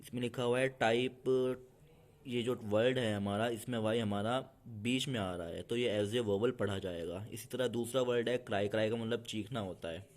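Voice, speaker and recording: Patient low-voiced male teacher. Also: moderate pace. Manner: patient, repeats each point in two languages. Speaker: English teacher. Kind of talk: spoken grammar lesson.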